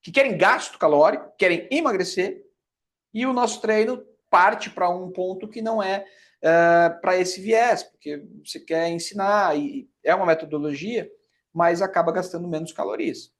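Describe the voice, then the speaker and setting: A man's voice: high-pitched, moderate pace. A man with a Brazilian Portuguese accent giving an emphatic, conversational fitness lesson, often checking in with his listeners. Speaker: fitness teacher. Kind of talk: explanatory lecture.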